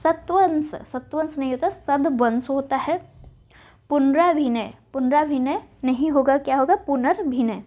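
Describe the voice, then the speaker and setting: Woman, high-pitched, exam-prep lesson, self-answering drill, muffled lo-fi audio. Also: normal speed. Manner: recites word pairs, asks and answers herself. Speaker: Hindi exam-prep teacher. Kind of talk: online lesson, spelling drill. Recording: dull lo-fi audio.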